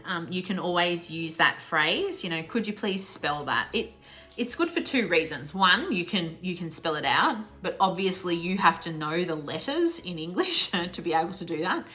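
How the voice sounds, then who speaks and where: Bright-voiced Australian woman teaching English. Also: fairly low pitch. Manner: chatty, laughs often, repeats example phrases slowly. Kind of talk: casual online English lesson.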